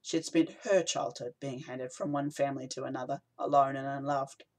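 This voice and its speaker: Brief: male audiobook narrator, steady and even scripted reading. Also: mid-range voice, a little fast, poor audio.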